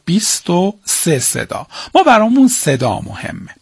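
A man's voice: high voice, huge pitch swings, gravelly, slightly rough, no room sound, clean studio sound. A man teaching a class, asking questions and answering them himself and repeating key points. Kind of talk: classroom lecture on Persian prosody.

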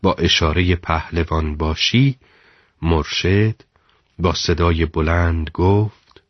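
A man narrating a story in a measured, dramatic storytelling delivery. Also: low voice, no echo, highs cut off.

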